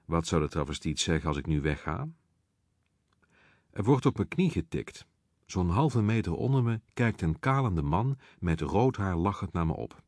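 A man narrating an audiobook chapter in the first person in a calm storytelling manner. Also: low voice, dry recording, clean studio sound.

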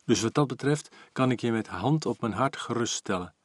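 A man's voice: mid-range voice, expressive, normal speed, no room sound, studio quality, close to an everyday voice. A man voicing a jovial, blunt older male notary who talks in a hearty, slightly teasing way. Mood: businesslike.

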